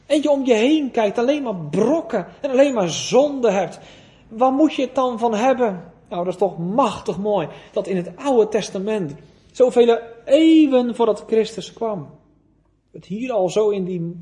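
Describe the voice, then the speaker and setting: A male preacher delivering a sermon in an unhurried, emphatic way. His fairly high voice has a mellow, dark tone, and he swings between loud outbursts and near-murmurs while posing rhetorical questions. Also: expressive. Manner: emphatic, with big swings in loudness and pitch.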